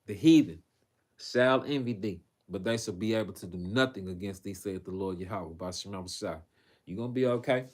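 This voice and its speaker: Low-voiced man preaching casually. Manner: casual, profane asides between readings; halting, frequent fillers and restarts. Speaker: preacher on a livestream. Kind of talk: scripture reading with loose commentary.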